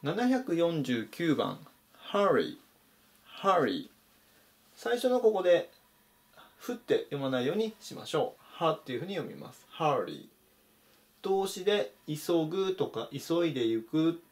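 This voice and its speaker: A man's voice: a little high, sing-song, moderate pace, darkish tone. A man teaching English vocabulary to Japanese learners, methodically explaining meanings and pointing out pronunciation.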